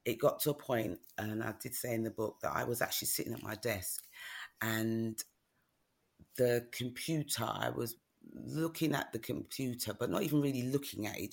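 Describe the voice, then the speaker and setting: A middle-aged woman tells a personal story in a relaxed conversation, candid and plain-spoken. Her voice is gravelly and a little husky, and she keeps checking in with "do you know what I mean?". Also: rumbling low. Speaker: guest, author.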